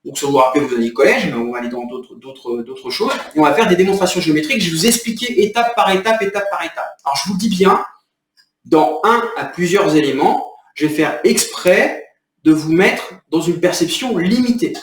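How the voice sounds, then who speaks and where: A man's voice: a little high, animated, a little fast, distant mic, slight background noise. A man talking to camera in an irritated, rambling way, explaining his next video and venting. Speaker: video creator. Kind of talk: agitated talking-to-camera vlog. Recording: echoey room, off mic.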